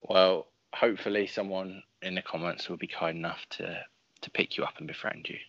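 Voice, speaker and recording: A man's voice: sits low, steady tone, fairly quick, creaky, fairly bright tone, no echo, highs cut off. A man co-hosting a casual podcast, explaining things with dry, teasing humor. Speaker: podcast co-host.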